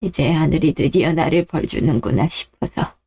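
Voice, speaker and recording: A performer voicing a remorseful, dying old father in a radio drama, who speaks slowly and heavily as he apologizes. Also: on the high side, darkish tone, breathy edge. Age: older.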